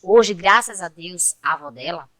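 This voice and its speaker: A woman's voice: on the low side, normal speed, fairly bright tone. A woman, a podcast guest telling heartfelt personal stories in a casual chat and often turning to speak to the listeners. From Pernambuco, Brazil.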